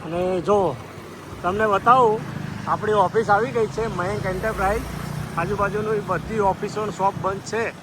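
Male vlogger, fairly high voice, chatty to-camera delivery, phone mic with street noise behind. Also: steady tone, normal speed. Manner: chatty, addresses viewers directly. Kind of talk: casual festive vlog narration.

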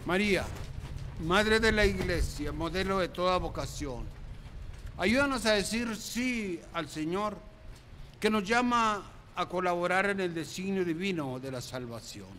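High, bright-voiced deacon in his sixties. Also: expressive, unhurried. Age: 60s. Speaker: deacon assisting at Mass. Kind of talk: read prayer and liturgical dismissal. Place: small open-sided chapel in daylight. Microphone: handheld or stand microphone, close. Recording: clear ambient background noise.

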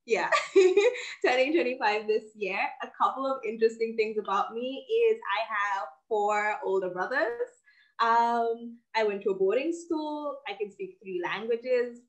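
A Kenyan woman in her twenties joins a casual interview over a video call as a guest, recorded on her laptop webcam in a home office lined with bookshelves. She speaks confidently and articulately and laughs easily. Her voice is mid-range, and the recording sounds muffled.

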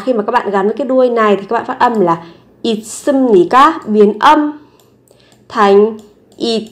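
A woman teaching a language lesson, explaining step by step and repeating each example sentence several times. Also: a little high.

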